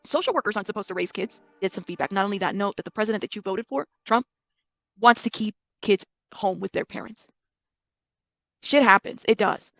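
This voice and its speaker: An American woman hosts with blunt, emphatic, informal commentary, explaining things to her audience through rhetorical questions and checks like "okay" and "right." Her medium-pitched voice is a little fast and a bit bright, with vocal fry and no room sound.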